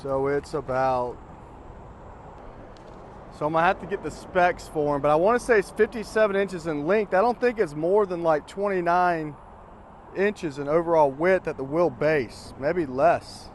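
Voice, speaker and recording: Man, slightly high voice, casual dealer explaining a product, informal, faint outdoor noise. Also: moderate pace. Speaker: mobility scooter dealer. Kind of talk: casual product chat with a customer.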